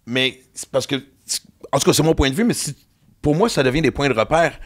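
A man with a Québécois French accent hosting a casual podcast chat, relaxed and conversational. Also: on the high side, fairly quick. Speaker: podcast host.

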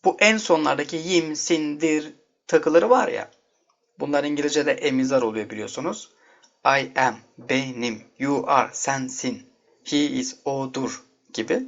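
Man, language teacher, video lesson, patient explaining, gravelly voice, lo-fi muffled audio. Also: a little high, a little slow, a bit bright. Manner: explains patiently, addresses viewers as friends. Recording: dull lo-fi audio.

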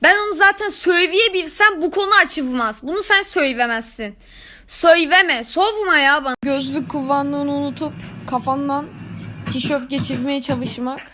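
A woman's voice: sits high, noisy background. A woman with a speech impediment on R sounds, chatting casually and comedically to her followers in an emphatic, exasperated, slangy way. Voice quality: speech impediment, cannot pronounce R and some letters. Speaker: social media content creator.

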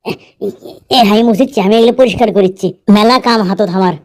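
Comedy dub: male actor as greedy, whiny young soldier, high voice, muttering and exclaiming in a Bogura accent. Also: quick pace, close to an everyday voice. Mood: flustered. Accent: Bogura, northern Bangladesh. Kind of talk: comedy dubbing in dialect.

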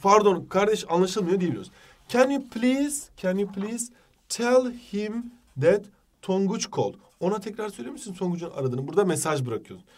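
A man teaching a jokey exam-prep lesson, with a Turkish accent, reading English phrases slowly. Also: high-pitched, lively intonation, a little mellow, far from the mic.

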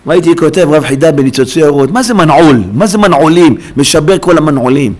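Male rabbi, sermon in a synagogue; fervent, direct address, fairly high-pitched. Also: lively intonation. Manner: impassioned, swings from low murmurs to loud cries; addresses listeners directly, quotes rabbinic sources.

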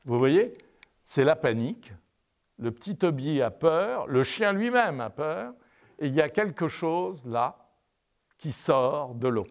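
A man lecturing on artistic anatomy at a university and talking through projected slides. His delivery is halting, with frequent "euh" and restarts, and he ends many phrases with "n'est-ce pas?". He uses the easy tone of a storytelling lecturer. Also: on the high side, very animated. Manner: tells a story and asks "n'est-ce pas?" over and over.

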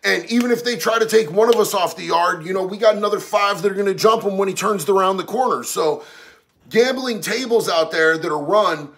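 A man's voice: high-pitched, brisk, a bit bright. A man casually chatting on a livestream, reading out viewer messages and answering in a slangy, candid way. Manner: slangy, candid, talks about prison life.

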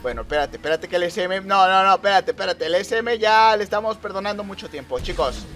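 A man streaming live gameplay commentary, excitable, muttering one moment and shouting the next. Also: sits high, fast talker. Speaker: gaming streamer.

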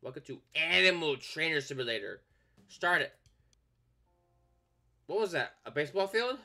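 A man giving joking, casual commentary as he plays a video game, now and then breaking into excited shouts. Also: a little high, moderate pace, creaky. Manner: joking, bursts into shouts while playing. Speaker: gaming YouTuber.

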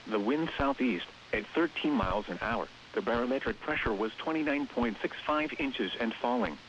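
A man with a mid-pitched, robotic voice reads weather bulletins and warnings from a script at a moderate pace. His delivery is even and impersonal, like an automated announcer. The radio broadcast sounds dull and band-limited, with steady hiss and noise.

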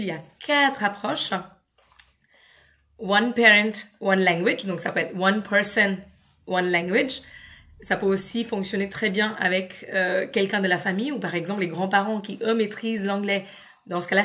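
A woman with a French accent explaining to parents, in a clear and patient way, how to teach English at home, with simple word examples. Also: medium pitch, moderate pace, a bit bright.

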